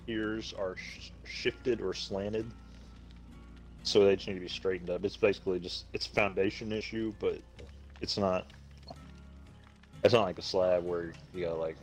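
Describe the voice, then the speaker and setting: A man's voice: deep voice, little pitch movement, moderate pace, pauses often, soft background music. A man, chatting casually with friends over a game, slightly lisping and swearing freely. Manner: laid-back, swears freely, slight lisp from a new denture. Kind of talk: casual gaming voice chat.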